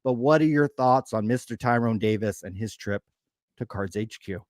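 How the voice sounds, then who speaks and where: A man's voice: on the low side, normal speed, darkish tone, no echo, clean studio sound. A man co-hosting a live sports card radio show in casual, profane, emphatic and joking chat.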